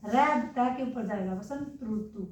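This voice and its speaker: A woman's voice: fairly high pitch, measured pace. Echoey teacher woman quizzing her class. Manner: asks questions and answers them herself, repeating "ठीक है". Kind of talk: classroom grammar lesson. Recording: echoey room, mic far away.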